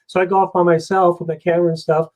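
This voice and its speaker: A man, a guest investigator, telling a story in a casual, animated way and acting out the scenes. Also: high-pitched, fast talker, rough recording.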